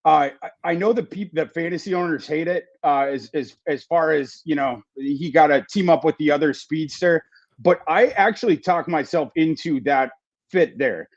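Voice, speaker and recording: Man talking football, dull audio. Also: fairly high pitch. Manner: fast, repeats words and restarts often. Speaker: fantasy football analyst guest. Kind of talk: casual podcast chat.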